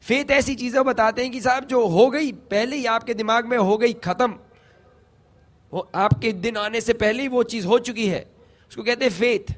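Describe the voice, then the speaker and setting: A man's voice: very high-pitched, moderate pace. A middle-aged man giving an emphatic motivational talk, repeating his key phrases for effect. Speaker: speaker sharing a success story.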